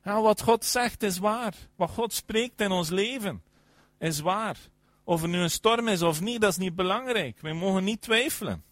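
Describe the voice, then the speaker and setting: Male preacher, higher register, emphatic sermon delivery, dry close sound. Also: normal speed, no echo. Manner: emphatic, frequent affirming "ja", swings between loud and soft.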